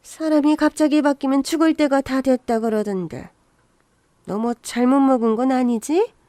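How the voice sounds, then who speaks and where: A woman's voice: high voice, normal speed, warm tone, no echo, close to an everyday voice. Woman voicing a harsh, nagging old mother-in-law. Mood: scolding. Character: bossy scolding older mother-in-law.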